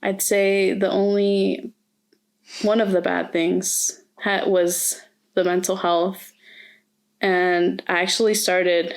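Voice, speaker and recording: Here the same young Mexican student talks slowly in a level tone at medium pitch. It's an oral history interview on campus, and she reflects earnestly, pausing and hesitating frequently.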